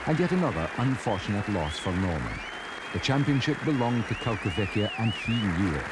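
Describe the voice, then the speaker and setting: A man with a lowish voice narrates a golf highlights film from a script, measured and dramatic, with lively rises and falls. Crowd noise runs clearly behind him. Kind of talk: scripted documentary narration in past tense. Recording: archive soundtrack, crowd and background noise.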